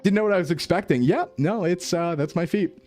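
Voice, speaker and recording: With a high-pitched, brisk voice and a darkish tone, a male VTuber banters playfully with viewers and laughs often. His livestream headset mic audio has faint music behind it.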